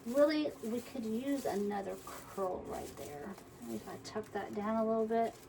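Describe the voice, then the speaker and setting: A woman's voice: fairly high pitch, moderate pace, gravelly. A woman, chatting casually through a crafting tutorial and muttering to herself as she works. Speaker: wreath-making tutorial host. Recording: distant mic, faint background noise.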